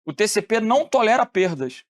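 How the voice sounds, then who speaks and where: A man from Rio de teaching a lively classroom lecture, asking the students questions and answering them himself. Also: high-pitched, fairly quick. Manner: animated, asks questions and answers them, acts out phone calls.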